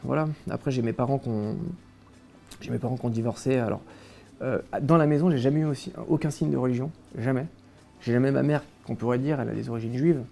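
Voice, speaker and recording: Young man from France, interview guest, gravelly, mellow tone, hesitant. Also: mid-range voice, fast, soft background music. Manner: hesitant, many restarts and fillers. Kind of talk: casual interview, recounting his childhood.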